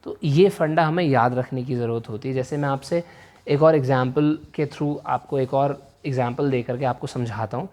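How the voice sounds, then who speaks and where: A man's voice: medium pitch, moderate pace, a little mellow. A man teaching a vocabulary lesson to viewers. He mixes Hindi and English, restates each meaning several times and often checks in with "right?". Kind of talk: explanatory video lesson.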